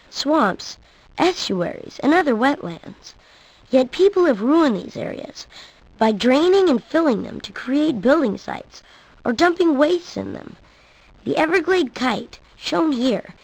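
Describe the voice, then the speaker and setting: A woman's voice: high voice, a little mellow, slightly rough, no room sound, poor audio. A woman reading scripted educational narration about nature.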